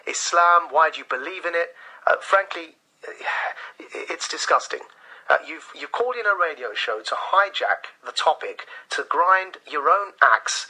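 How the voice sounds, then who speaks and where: Guy hosting a radio phone-in, bright husky voice, keeps cutting in firmly. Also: on the high side, rough recording. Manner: firm, repeatedly interrupting to keep order. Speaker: radio host. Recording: radio broadcast.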